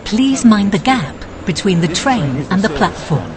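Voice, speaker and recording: A woman's calm, measured voice giving an automated train announcement. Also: a crowd in the background. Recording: steady train rumble noise.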